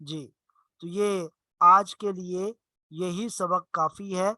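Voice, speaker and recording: Slow bright-voiced male Arabic teacher. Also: high-pitched, fairly even intonation, no room sound. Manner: patient, explains rules step by step; drawn-out slow example words. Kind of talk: online class lesson.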